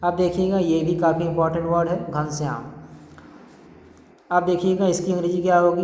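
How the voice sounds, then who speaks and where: Patient teacher spelling slowly in an echoey room. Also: medium pitch. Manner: patient, repeats "ठीक है" to check understanding; slow, step-by-step spelling out of letters. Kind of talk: spelling lesson at a board. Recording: echoey room, long reverb.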